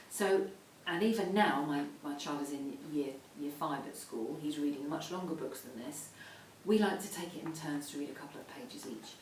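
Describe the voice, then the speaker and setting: A middle-aged woman gives an explanatory talk to parents in an instructive way, stressing key points. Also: a little mellow. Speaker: reading educator advising parents. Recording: roomy echo, distant mic, faint rumbling noise.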